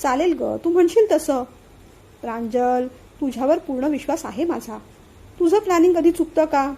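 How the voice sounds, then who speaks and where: A woman's voice: sits high, normal speed, dark tone. A woman voicing an irritated young man who brushes off his family, in a curt, exasperated way.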